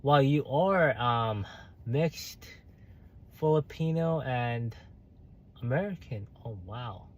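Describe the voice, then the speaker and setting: A man's voice: medium pitch, lively intonation, slow pace, long pauses, a little hiss or hum. A young man, chatting casually on a livestream while reading viewer comments, hesitant with many fillers and restarts. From South Korea. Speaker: livestream host.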